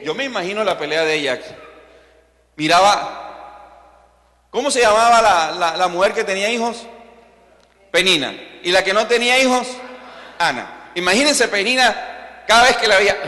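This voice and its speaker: A Colombian man preaches a sermon, throwing rhetorical questions at his congregation. His voice is bright and forceful and sits a little high. The church hall gives it a long, ringing reverb. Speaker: pastor.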